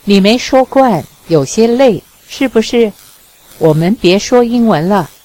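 A woman's voice: mid-range voice, animated, measured pace, dark tone, natural voice, poor audio. Woman reading as a teasing young charmer. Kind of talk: audiobook reading.

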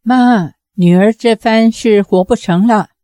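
A woman's voice: on the high side, animated, takes it slowly, darkish tone, dry recording, studio quality. A woman voicing a frightened young daughter who stammers and hesitates. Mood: pleading.

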